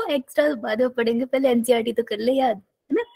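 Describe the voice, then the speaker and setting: A woman's voice: on the high side, expressive, a little fast, vocal fry, mellow, no echo. A young woman teaching a live online biology class in a casual, chatty way, telling stories and often laughing.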